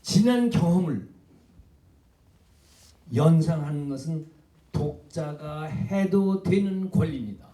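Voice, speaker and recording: An older man lectures on literature with lively, swooping intonation and a mellow, darker tone. He speaks emphatically and addresses the audience directly. The recording picks him up from a distance in an echoey public hall. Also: on the high side, slow, pauses often. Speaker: professor giving a public lecture.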